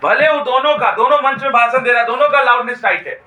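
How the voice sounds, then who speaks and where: Male teacher lecturing in a classroom, really high bright voice, echoey room, repeats stuff and quizzes the kids. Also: recorded from a distance. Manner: dictates slowly, repeats phrases, asks students questions. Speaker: physics teacher.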